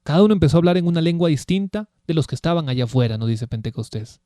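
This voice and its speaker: Male preacher, emphatic teaching style, keeps asking rhetorical questions, mellow tone. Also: fairly high pitch, rapid-fire, no echo, clean studio sound. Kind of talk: Bible teaching sermon.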